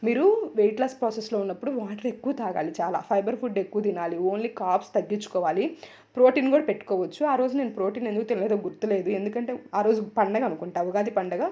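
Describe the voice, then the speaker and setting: A woman in her thirties, a wellness coach, chatting loudly and energetically in a casual vlog. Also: mid-range voice, muffled recording. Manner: loud, fast, energetic chatter.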